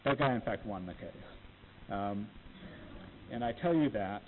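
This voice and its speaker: A man gives law students an informal podium-microphone talk on appellate oral argument, with a low voice that is not dynamic, yet he comes across as animated. He is plainspoken and unhurried, using many ums. The sound is tinny and phone-like, with a faint hiss.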